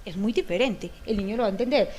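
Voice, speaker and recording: A woman's voice: mid-range voice, quick pace, mellow, a little hiss or hum. A woman with a Colombian accent, talking about raising children on a community TV show, earnest and acting out the lines of parents and children. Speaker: guest speaker on parenting. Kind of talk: talk-show discussion.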